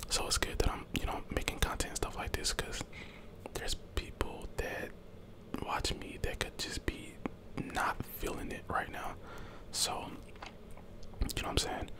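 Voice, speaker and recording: A man's voice: measured pace, long pauses, rough recording. An American man in his twenties giving a casual, slangy, encouraging pep talk in an ASMR whisper close to the microphone. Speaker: ASMR content creator. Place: small bedroom, indoors. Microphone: close handheld desk condenser microphone.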